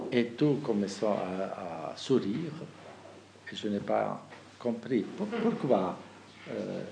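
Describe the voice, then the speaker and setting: A man from Kazakhstan, a bishop, speaking as a to the faithful, halting with many restarts and fillers. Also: lowish voice, gravelly, noisy background. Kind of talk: talk to the faithful.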